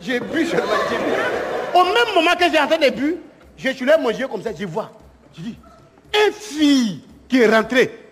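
A man's voice: extremely high pitch, normal speed, big-room sound, a faint crowd, full character voice. A man playing a broke Burkinabe barfly bragging. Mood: laughing boast. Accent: Burkinabe imitation. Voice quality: broken French, animated storytelling. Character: boastful broke man chatting up a girl in a bar. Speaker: stand-up comedian. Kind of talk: comic monologue sketch.

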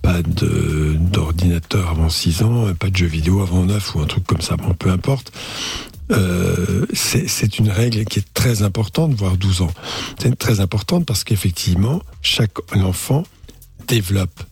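A man's voice: sits low, normal speed, vocal fry, a little mellow, breathy edge. An older man giving opinionated expert advice on radio, emphatic and didactic, repeating key phrases. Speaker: doctor, radio show expert. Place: radio studio. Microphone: close studio microphone.

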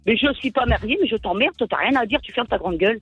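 A woman's voice: on the high side, expressive, quick pace, slightly rough, dry recording, muffled recording, faint music behind. A woman in her forties calling a radio show, aggressive, foul-mouthed and mocking. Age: 40s. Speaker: caller. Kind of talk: insulting on-air phone argument.

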